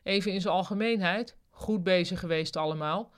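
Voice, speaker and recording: A man's voice: sits high, moderate pace, smooth, close to an everyday voice. A reader voicing a boastful middle-aged male office manager who gives a jovial speech full of corporate jargon. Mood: rousing.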